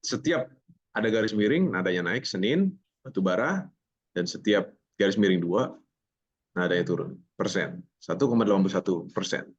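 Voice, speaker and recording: A man's voice: low-pitched, brisk. A man teaching a public speaking workshop who talks energetically, jokes with participants and drops English words into his speech. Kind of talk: online voice workshop. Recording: slightly muffled lo-fi audio.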